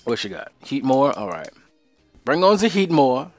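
A young man gives chatty, joking commentary on a game he is playing, talking straight to his viewers. His voice sits at an ordinary pitch and sounds dry and close, with faint music underneath. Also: sing-song, normal speed, no echo. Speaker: let's play host.

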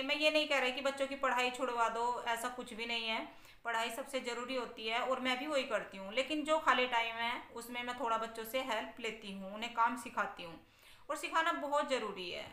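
Woman, vlogger, chatty, bright tone, echoey room. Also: fairly high pitch. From India. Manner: chatty, conversational, asks viewers for opinions. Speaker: family vlogger, mother of sons. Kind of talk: casual vlog talk to viewers.

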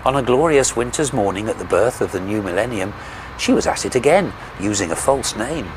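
A man's voice: lowish voice, expressive, fairly quick, background noise. A man reading scripted documentary narration with polished, dramatic storytelling phrasing.

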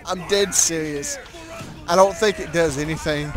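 A man playing a war game with a friend, bemused and laughing often. His voice is fairly high and he takes his time with the words. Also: unhurried, music in the background. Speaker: game player. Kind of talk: casual gameplay commentary.

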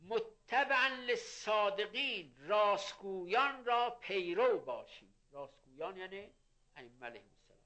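A man's voice: fairly high pitch, bright, forceful tone. An older male cleric giving a sermon, reading Arabic phrases and explaining them in plain words, with anecdotes. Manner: explains Arabic quotes in Persian, tells anecdotes. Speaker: cleric preacher. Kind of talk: religious sermon.

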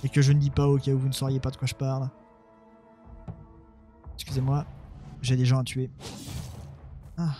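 A man chats his way through a turn-based strategy game, muttering orders at his units and poking fun at his own play. The tone is loose and offhand. Quiet game music plays beneath his voice. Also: mid-range voice, completely flat delivery, moderate pace, pauses often. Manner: muttering, self-mocking, talks to his units. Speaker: let's play gamer. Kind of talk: casual gameplay commentary.

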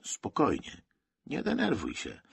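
A man doing a calm, wry young soldier. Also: medium pitch, a little slow, gravelly, breathy edge, voice pushed up, exaggerated voice.

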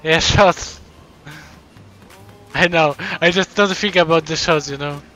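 Male live streamer, casual chat, slightly high and bright tone, grateful and excited, stumbles and repeats words. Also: slow, faint music behind, poor audio. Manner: warm, thankful, excited.

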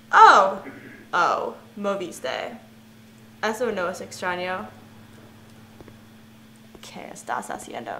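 Slow-talking young woman playing a game. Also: mid-range voice, fairly bright tone, slight background noise. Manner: talks to objects in the game, nervous giggles. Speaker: gamer. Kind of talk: let's play commentary.

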